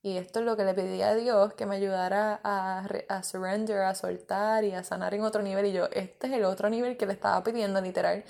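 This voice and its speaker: A woman, hosting a casual podcast monologue as a mindset coach, candid and expressive, dropping in English words and swearing freely. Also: medium pitch, brisk, creaky, hardly any pauses.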